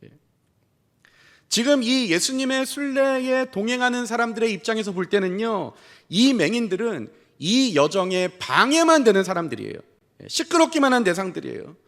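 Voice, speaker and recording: A man preaching from the pulpit, his notably high voice carried by the long reverb of a church sanctuary. He tells the story vividly, acting out the characters' dialogue and putting questions to the congregation. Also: animated, normal speed, a bit bright. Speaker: senior pastor. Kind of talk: sermon.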